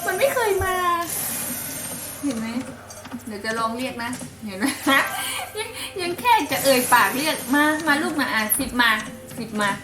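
A woman's voice: sits high, huge pitch swings, moderate pace, echoey room, recorded from a distance, background noise. A woman with an Isan accent chatting to viewers as she plays an online slot game, giggly and coaxing the game aloud. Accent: Isan (Northeast Thai). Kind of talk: casual chat to viewers while playing.

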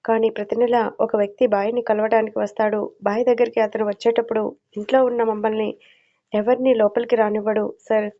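A woman's voice: a little high, level tone, a little fast, highs cut off, lightly acted. A woman voicing a cocky male gang henchman. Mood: fearful.

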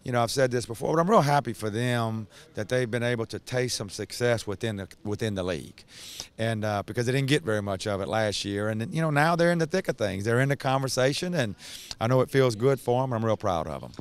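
A man in his sixties, a basketball head coach, giving a halting post-game interview full of restarts and fillers into a handheld mic in an empty indoor arena. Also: mid-range voice, lively intonation, smooth. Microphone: handheld reporter mic.

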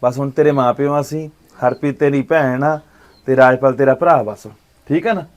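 A man, acting as an uncle in a short film, gently consoling and reassuring his niece. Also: medium pitch, brisk. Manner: warm, fatherly consoling. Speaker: uncle by marriage.

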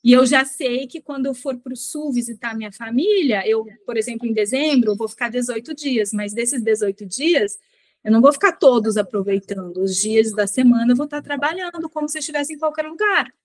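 A woman in her thirties chatting on a video call as an interview guest, relaxed and reflective, often ending lines with a quick tag question. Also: a little high, dry recording. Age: 30s. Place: small bedroom indoors. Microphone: laptop webcam on video call.

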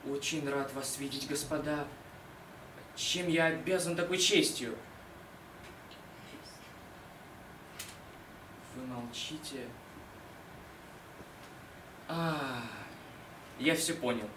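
A young man playing a dreamy, lovelorn, modest scholar in an expressive, dramatic declamation of a stage monologue, with deliberate pauses. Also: medium pitch, natural voice. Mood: musing, bemused. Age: young adult. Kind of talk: dramatic declamation, theatrical literary monologue recitation. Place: small indoor concert hall stage. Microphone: far camera. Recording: roomy, distant mic, noisy hall.

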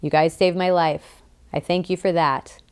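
Audiobook: grumbling old ex-gunman, woman narrator doing him, low-ish voice. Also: fairly even intonation, a little slow, a little mellow, smooth, lightly acted. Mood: grateful. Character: old man, ex-gunman relearning to walk.

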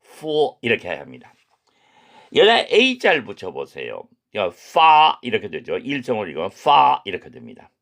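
A middle-aged man teaching pronunciation, his pitch swinging widely as he stresses each sound. He talks slowly and deliberately, repeating syllables over and over for the learner to copy. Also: huge pitch swings, creaky, fairly bright tone. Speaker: language teacher. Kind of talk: recorded pronunciation lesson.

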